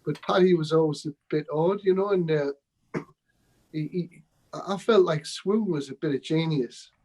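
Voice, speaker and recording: A man's voice: fairly high pitch, normal speed, darkish tone, poor audio. A man being interviewed, telling rambling anecdotes about his music days with laughs and quotes. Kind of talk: casual storytelling interview.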